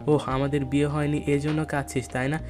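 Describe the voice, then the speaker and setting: A man's voice: a little high, little pitch movement, brisk, over music, natural voice. A man voicing a loving young father and partner in an audio love story, tender and a little teasing.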